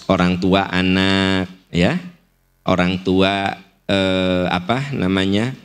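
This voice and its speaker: A man's voice: low-pitched, steady tone, slow, clean tone. A middle-aged man with a Sundanese accent giving a religious lecture in a mosque, explaining points with playful acted-out examples. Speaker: preacher. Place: large mosque.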